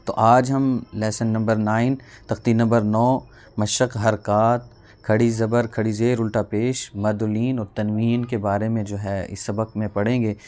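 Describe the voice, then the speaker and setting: A man teaching a Quran reading lesson, explaining rules quickly, then spelling out letters and drawing syllables out slowly. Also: fairly low pitch, little pitch movement, darkish tone. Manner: fast explanations, then slow drawn-out syllables.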